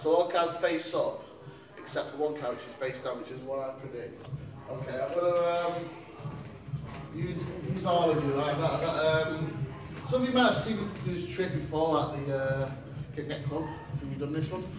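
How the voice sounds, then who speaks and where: A young man performs a card trick on a small stage, talking to the audience in a rambling, good-humoured way. His voice sits a little high for a man. The recording picks him up from a distance in a noticeably echoey hall. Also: normal speed, background noise. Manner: chatty, self-deprecating, stumbling restarts. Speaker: stage magician. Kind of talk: live stage patter with audience. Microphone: distant camera, no mic. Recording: roomy hall echo, voice from far off.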